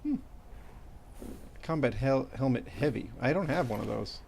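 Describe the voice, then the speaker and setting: Creaky-voiced man streaming a game. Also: mid-range voice, lively intonation, normal speed, darkish tone, a little hiss or hum. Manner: self-deprecating, thinking aloud. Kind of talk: casual gameplay commentary.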